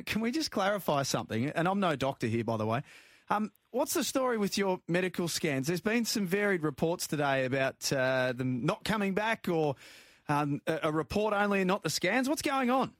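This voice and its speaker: A man's voice: high-pitched, sing-song, normal speed, fairly bright tone, no echo, clean studio sound. An Australian man hosting a sports radio show and interviewing a guest.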